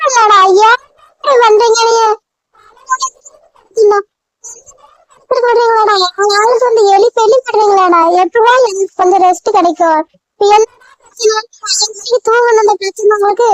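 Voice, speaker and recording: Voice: extremely high pitch, fairly even intonation, fairly quick, no room sound. A performer voicing a fed-up older village mother with a headache, weary and complaining, in a cartoon comedy. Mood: exasperated.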